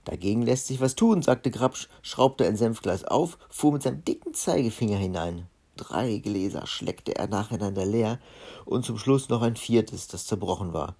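A man's voice: fairly low pitch, lively intonation, moderate pace, warm tone, husky. A man reading a children's book aloud in a friendly storytelling manner.

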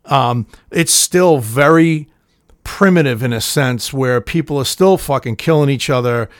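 A man's voice: medium pitch, measured pace, no echo, studio quality. A man telling stories in a casual chat, rambling and swearing, acting out the scenes. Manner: rambling storyteller, swears often, acts out scenes.

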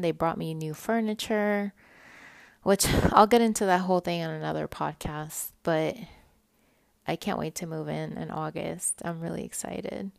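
Speaking in a gravelly voice on the low side, this Puerto Rican-accented woman in her thirties hosts a podcast, giving a candid, personal monologue full of frequent laughter. There is no echo.

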